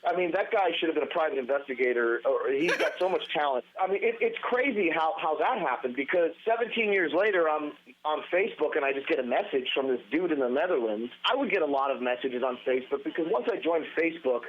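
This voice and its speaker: A man telling a long story as a podcast guest, animated and rambling, restarting his sentences often. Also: fairly high pitch, slight background noise. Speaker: podcast guest, former band guitarist. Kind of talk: casual storytelling interview. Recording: tinny phone-line sound.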